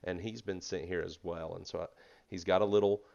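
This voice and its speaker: A man with a very low voice narrates as game master of a tabletop fantasy game. He is relaxed and chatty, with plenty of fillers. The recording is slightly dull and lo-fi. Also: brisk, creaky.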